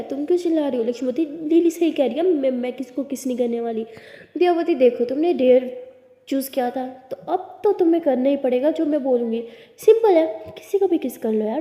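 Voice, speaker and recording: A woman's voice: high voice, mellow. A woman narrating a romance story in a casual, chatty way, acting out each character's lines herself. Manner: chatty, acts out dialogue. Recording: echoey room with long reverb.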